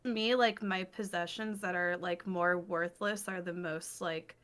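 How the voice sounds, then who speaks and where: A woman's voice: on the low side, fairly even intonation, unhurried, fairly bright tone. A woman streamer chatting casually and rambling with many "like" fillers, her microphone cutting out so her volume jumps up and down. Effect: microphone cutting out, uneven volume.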